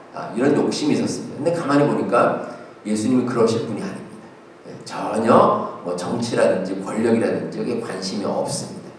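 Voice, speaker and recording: A man's voice: mid-range voice, a little hiss or hum. A male pastor giving a conversational sermon with fillers and rhetorical questions. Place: church sanctuary. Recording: echoey church hall, mic at a distance.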